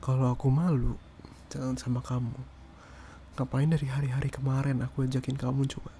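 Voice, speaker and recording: A young man speaks in a whispered role-play, gentle and comforting, hushing as he soothes. His low-key voice is mellow and gravelly. He keeps an even, level tone throughout. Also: a little fast, slight background noise. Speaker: ASMR performer.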